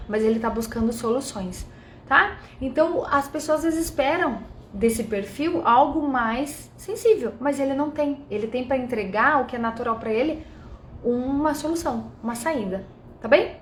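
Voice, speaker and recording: A woman's voice: high-pitched, moderate pace, reverberant, slight background noise. A woman from Brazil teaching a mentoring group live, chatty, addressing viewers directly and reading their comments aloud.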